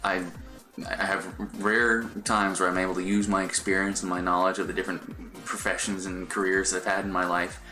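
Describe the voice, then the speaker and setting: A man's voice: deep voice, level tone, fairly quick, pushed and bright, faint music behind. A middle-aged man chatting casually on a live stream, rambling with many fillers and restarts. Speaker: Twitch streamer.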